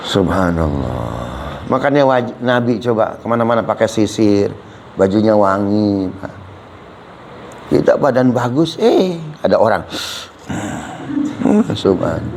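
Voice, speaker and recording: A man's voice: medium pitch, gravelly, a little hiss or hum, low-quality recording. A man preaching an Islamic lecture, joking with his audience and constantly addressing them as "Pak", dropping "subhanallah" between points. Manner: animated and joking, often addressing listeners as "Pak". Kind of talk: lively religious lecture with audience questions.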